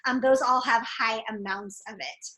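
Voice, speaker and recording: A woman's voice: on the high side, normal speed, fairly bright tone, poor audio. A woman fitness coach giving a casual, chatty talk to fellow coaches, with lots of fillers and an upbeat manner.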